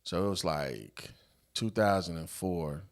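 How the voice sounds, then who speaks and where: A man's voice: low voice, slow. A man hosting a casual podcast, telling a story in a loose, laid-back way with plenty of slang. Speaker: podcast host.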